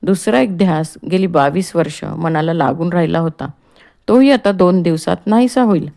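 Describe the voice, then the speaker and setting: A woman's voice: on the low side, normal speed, creaky, mellow. A woman reading the part of an ailing, restless older man who frets and complains about being kept in bed. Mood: fretful. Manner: complaining, agitated.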